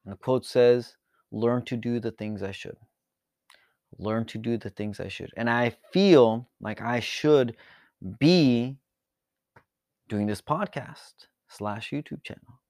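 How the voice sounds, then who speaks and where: A man from Mexico and the United States, host of a podcast and YouTube channel, delivers an informal, reflective monologue, speaking earnestly and haltingly and repeating words for emphasis. His mid-range voice has a darkish tone in a dry, studio-quality recording.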